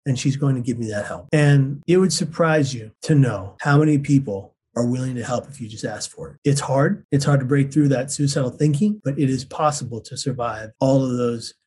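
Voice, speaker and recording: A man speaks quickly and with intense earnestness as an interview guest, telling his own story. His voice is husky and a little rough, and he sometimes acts out the voices of people he quotes. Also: medium pitch, a little mellow. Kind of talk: personal storytelling.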